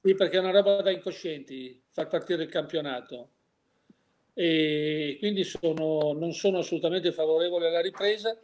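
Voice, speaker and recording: In a casual interview, an older man with a voice on the high side talks at a moderate pace. He keeps voicing strong opinions, posing rhetorical questions, and beginning his sentences again.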